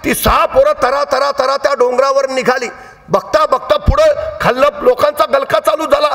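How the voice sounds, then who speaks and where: A male orator giving a motivational public lecture full of storytelling, dramatic and swinging between hushed and shouted emphasis. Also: very high-pitched, fairly even intonation, normal speed, creaky. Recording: echoey hall.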